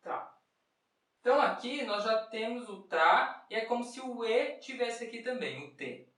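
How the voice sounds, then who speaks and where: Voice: medium pitch, animated, normal speed, a bit bright. A music teacher, patiently explaining rhythm step by step, asking and answering their own questions and chanting rhythm syllables. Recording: very echoey room, mic far off.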